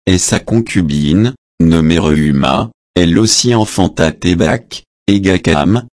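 Deep-voiced guy reading bible verses real slow, calls out verse numbers, solemn. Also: a little mellow, no room sound, clean studio sound. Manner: measured and solemn, announcing verse numbers and reading translator notes aloud. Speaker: scripture reader.

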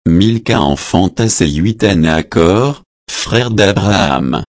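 Deep-voiced guy reading bible verses real slow, calls out verse numbers, solemn. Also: animated, dry recording, studio quality. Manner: measured and solemn, announcing verse numbers and reading translator notes aloud. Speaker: scripture reader.

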